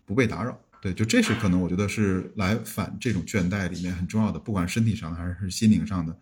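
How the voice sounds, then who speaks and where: A man's voice: low voice, quick pace, darkish tone, slight background noise. A man around forty, a podcast guest, talking casually and reflectively with frequent restarts. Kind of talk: casual conversation.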